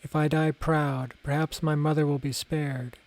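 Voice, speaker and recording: A man's voice: fairly high pitch, little pitch movement, moderate pace, a little mellow, close to an everyday voice. A man voicing a young female spear warrior, scared but proud, speaking earnestly and with restraint.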